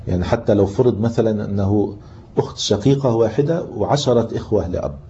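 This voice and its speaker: A man's voice: fairly low pitch, fast, mellow. A man teaching Islamic inheritance law in a classroom lesson, with an Egyptian Arabic accent, explaining patiently and quizzing his students. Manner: explains patiently, asks the class questions, reads from the book. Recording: muffled lo-fi tape with faint hiss.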